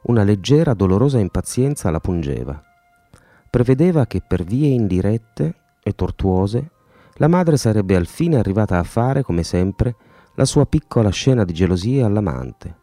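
A man narrating a literary novel in a measured, expressive audiobook reading. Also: lowish voice, no echo.

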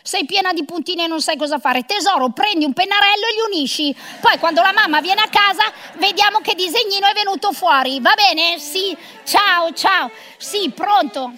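Woman, very high bright voice, brisk and sarcastic, comic phone-call monologue. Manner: brisk, sarcastic, bossy career-mother on the phone. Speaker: comic performer.

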